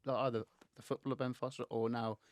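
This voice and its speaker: Male podcast guest, fast and keen, mid-pitched, dry close mic. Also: flat delivery, no room sound. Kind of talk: casual podcast chat.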